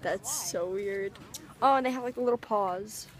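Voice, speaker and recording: A woman's voice: medium pitch, moderate pace, a little hiss or hum. A young woman in her late teens chatting casually and bubbly to a handheld camera, giggling often and saying "like" a lot. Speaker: vlogger. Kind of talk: casual vlog chat. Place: outdoors in cold weather and in a car.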